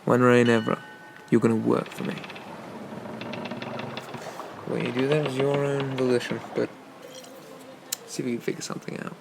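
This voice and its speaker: A man playing a flirty, teasing, gentlemanly pirate captain in an ASMR ASMR role-play, with gravelly, murmured delivery. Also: medium pitch, flat delivery, fast, noisy background, lightly acted. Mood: wry, commanding. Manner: leisurely, teasing, roguish, murmured asides.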